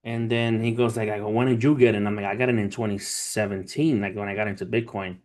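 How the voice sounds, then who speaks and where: On his livestream, this 30-something trader talks fast in a low, darkish voice with fairly even intonation. He swaps stories and pep talk with viewers he calls family, using street slang and plenty of profanity.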